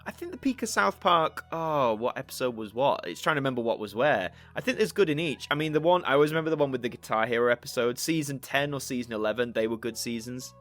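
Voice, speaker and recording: A young man hosting his YouTube channel chats casually through viewer questions, thinking aloud as faint music plays. He's from Yorkshire, England, with a mixed northern English accent that's mostly Yorkshire. His mid-range voice is animated and fairly bright, moving at a quick pace with hardly any pauses.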